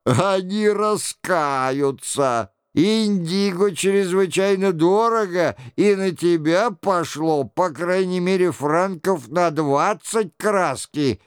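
A sneering young courtier delivers his jokes slowly and deliberately, as a male reader puts him on, in a clear, dry voice. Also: sits high, no echo. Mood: mocking. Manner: mocking.

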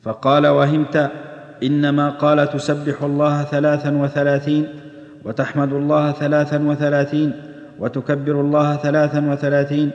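A man reading religious texts aloud in a steady recitation. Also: a little high, a little fast. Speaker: reader of hadith text. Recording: echoey hall, dull old tape.

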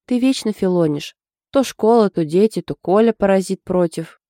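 A woman's voice: medium pitch, expressive, moderate pace, mellow, dry recording, clean studio sound, close to an everyday voice. A woman voicing a snide, mocking young woman friend in an audiobook. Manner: snide, accusing.

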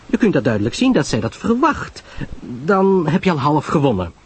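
A man voicing a chatty, nosy young society woman who gushes in a high, lilting voice. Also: wildly swooping pitch, normal speed, husky, exaggerated voice. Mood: gushing. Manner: breathless gushing, high and lilting.

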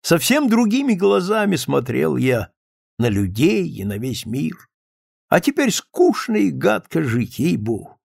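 A maudlin drunk man pours out his heart in an emphatic, swinging voice with a gravelly edge, as a male reader puts him on. He pleads and boasts by turns in an audiobook reading. The sound is close and dry. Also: on the high side, very animated, measured pace, darkish tone, dry recording, pitched above the performer's own voice, full character voice. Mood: maudlin, boastful. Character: drunken, self-pitying male friend confessing.

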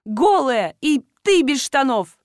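A woman reading an audiobook, voicing a jealous, tearful young farmer's wife who talks in a high, shrill, pleading way. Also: lively intonation, normal speed, no echo, studio quality, natural voice. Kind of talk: audiobook dialogue.

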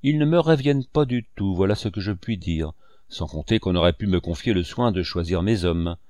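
A man's voice: low voice, moderate pace, dark tone, no room sound, studio quality, natural voice. A man reading an audiobook, voicing a blunt male ship captain who speaks formally and firmly. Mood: stern. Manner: formal, firm, clipped.

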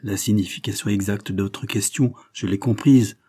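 A man voicing a smooth, scheming middle-aged gentleman who speaks in a grave, formal way, a little raised above his reading voice. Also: lowish voice, normal speed.

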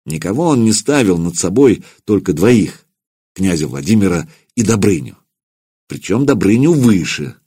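A man narrating an audiobook historical tale in a dramatic, expressive storytelling manner. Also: sits low, moderate pace, husky, no echo, studio quality.

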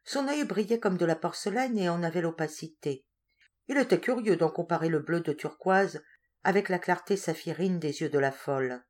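A woman narrating a literary story in a measured, expressive reading voice. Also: lowish voice. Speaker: audiobook reader. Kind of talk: scripted narration.

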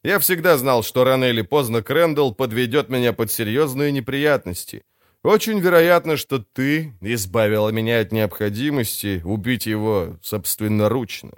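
A man voicing a vain, sly older male crime boss in an audiobook, smooth and self-justifying. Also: medium pitch, moderate pace, dry recording, studio quality, close to an everyday voice. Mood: smooth, expansive. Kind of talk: audiobook character voice.

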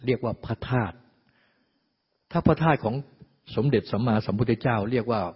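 A man's voice: mid-range voice, moderate pace, breathy edge. A man giving a dharma sermon. He often asks his listeners rhetorical questions and acts out the voices of the people he quotes. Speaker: dharma teacher. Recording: dull lo-fi with long hall reverb.

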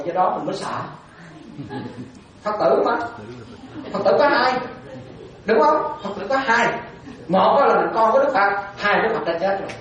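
A woman, a Buddhist monastic teacher giving a dharma talk to lay followers. She questions her listeners often, repeats key phrases and laughs lightly. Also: medium pitch. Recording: very echoey and distant, dull sound.

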